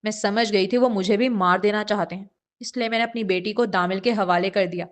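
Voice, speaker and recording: A woman reader voices a frightened mother confessing her part in a crime. She tells it earnestly, with fear and guilt, in a mid-pitched voice, as part of a storybook reading. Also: fairly even intonation, lightly acted. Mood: fearful. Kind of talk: audiobook character reading.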